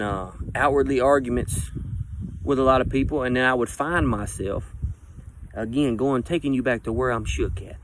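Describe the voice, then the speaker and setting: A man's voice: medium pitch, a little hiss or hum, poor audio. A man speaking as a fervent new convert, giving a rambling, earnest and emphatic personal testimony in informal vernacular, often voicing imagined dialogue and answering his own questions. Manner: acts out imagined dialogue and asks himself questions.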